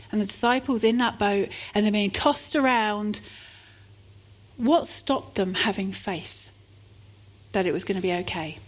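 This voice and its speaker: A woman preaching a sermon, telling stories in an earnest, heartfelt way. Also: a little high.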